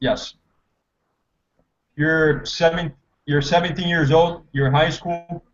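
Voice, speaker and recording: A man from Brazil, a guest on a live market show, speaks with a hesitant, halting delivery over a crackly remote call line that keeps breaking up. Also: a little high, steady tone. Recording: muffled lo-fi headset call audio.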